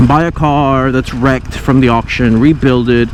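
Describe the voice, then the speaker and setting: A man's voice: mid-range voice, takes it slowly, darkish tone. A man talking casually inside a motorcycle helmet while riding, rambling and thinking aloud with hesitant self-corrections. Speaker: motovlogger, stock trader. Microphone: mic inside a motorcycle helmet. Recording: helmet mic with engine and traffic noise. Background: engine and vehicle noise.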